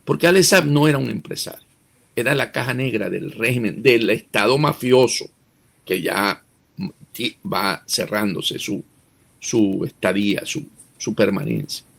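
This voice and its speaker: A man's voice: lowish voice, measured pace, creaky, fairly bright tone. A man, a political analyst giving emphatic interview commentary with rhetorical questions and frequent restarts.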